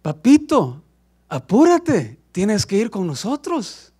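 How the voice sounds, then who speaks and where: A man's voice: high-pitched, huge pitch swings, slow pace, warm tone, slightly rough, pitched above the performer's own voice, full character voice. A man voicing a little girl who pleads with her father and then solemnly reproaches him, acted within a sermon. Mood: pleading.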